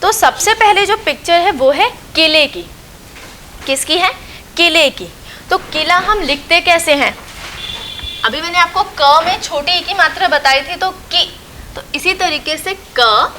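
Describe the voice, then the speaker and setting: A school teacher records an online lesson for young children, speaking slowly in a bright, high-sitting voice. She's patient, repeating herself and asking questions that she then answers. The audio is poor, with slight background noise.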